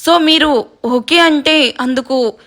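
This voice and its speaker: A woman voicing a hospital doctor who speaks haltingly and apologetically in a storybook tale. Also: high voice, a bit bright. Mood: apologetic.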